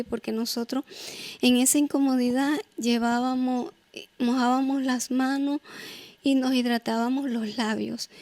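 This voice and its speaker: A woman from Ecuador, speaking, gives a personal testimony in a halting storytelling way, with frequent fillers and repeated phrases. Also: sits high, darkish tone, dry recording. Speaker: earthquake survivor.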